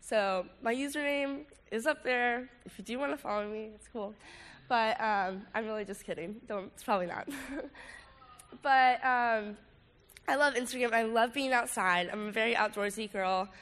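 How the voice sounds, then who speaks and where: Stuffy-nosed young woman, higher voice. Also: moderate pace, fairly bright tone. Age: late teens. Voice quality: stuffy, congested nose. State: sick with a cold-like congestion. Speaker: student speaker at a youth ministry gathering. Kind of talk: informal testimony talk to a group.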